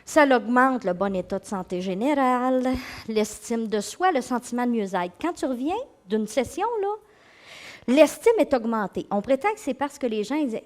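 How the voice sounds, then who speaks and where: A middle-aged woman with a Québécois accent gives an animated talk as a psychologist, addressing her audience directly and acting out inner voices. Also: fairly high pitch, normal speed. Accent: Québécois French. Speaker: psychologist and speaker giving a talk. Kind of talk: lively lecture to an audience.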